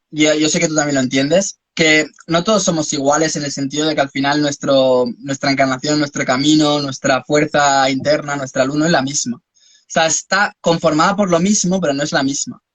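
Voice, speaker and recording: Man, philosophical musing, slightly raised pitch, dry close sound. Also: fairly even intonation, brisk, a bit bright, no echo. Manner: philosophical, musing, speaks in long spiritual reflections. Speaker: host. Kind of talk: reflective conversation.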